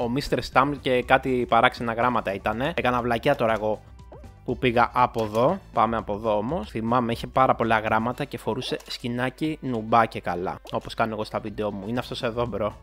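A man's voice: medium pitch, faint music behind. A man giving casual gameplay commentary as a gaming YouTuber, slangy and chatty, calling his viewers "bro" and bursting out as he plays. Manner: excitable outbursts while playing.

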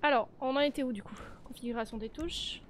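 A woman's voice: high-pitched, quick pace, slight background noise. A woman streamer talking casually and thinking aloud while playing a role-play game.

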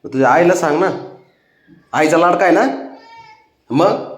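A man's voice: fairly high pitch, measured pace, reverberant. A man talking to his cat in a coaxing, pleading way, like baby talk. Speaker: cat owner. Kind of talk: casual talk to a pet.

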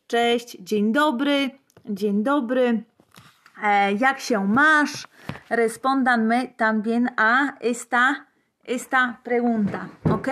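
A high-pitched woman leads a live online language lesson. She speaks slowly and repeats phrases for her viewers to copy. She is recorded on a phone or webcam for a live stream. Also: fairly bright tone. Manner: slow, drills phrases aloud and greets viewers. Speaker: Polish language teacher.

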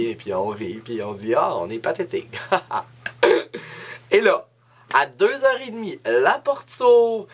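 A young man with a Québécois French accent telling a comic story as a monologue, jumping into high voices when he imitates people. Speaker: comedic storyteller.

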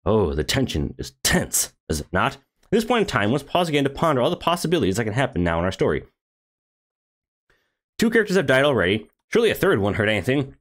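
A man who streams games, reading a game story aloud with sarcastic asides. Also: medium pitch.

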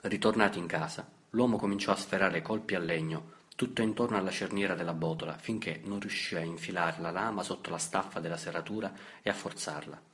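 A man reading a novel aloud as an audiobook narrator, in a measured, steady way. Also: sits low. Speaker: audiobook reader. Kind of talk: scripted literary narration.

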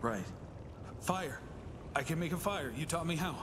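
A man's voice: a little high, expressive, moderate pace, noisy background, lightly acted. An actor playing a worried young man stranded in snowy wilderness in a video game.

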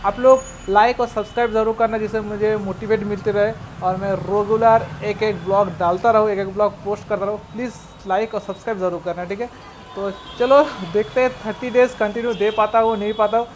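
Holding his phone out at arm's length, a twentysomething vlogger walks viewers through the small tea shop he owns. He talks a little fast in a high voice with fairly even intonation, rambling and frequently starting over. Street noise runs through the recording.

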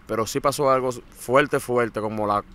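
A man with a Dominican accent, a guest telling his story in a casual interview. He talks in an animated way, repeats words and acts out what others said. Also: medium pitch, normal speed.

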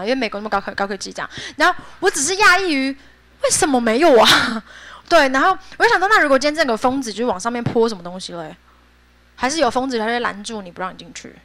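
A high-pitched woman runs a high school English vocabulary class, her voice bright and forceful. She chats playfully with her students, laughs often and drills each word aloud. It sounds like a classroom lesson. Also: animated, fast talker.

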